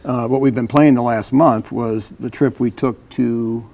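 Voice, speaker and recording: An American man in a casual panel talk, explaining things in a halting way as an advocate on a community show. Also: mid-range voice, fairly even intonation, gravelly, a little mellow.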